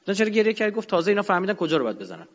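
Man lecturer, high pitched, emphatic delivery, muffled lo-fi recording in a reverberant hall. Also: big pitch swings. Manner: emphatic, rising and dropping sharply. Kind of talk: religious-political lecture. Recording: dull sound in a long-reverb hall.

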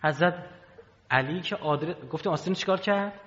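A man preaching a sermon from the pulpit, telling stories with dramatic swings in loudness and pitch. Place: hall with pulpit. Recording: dull lo-fi sound, long hall reverb.

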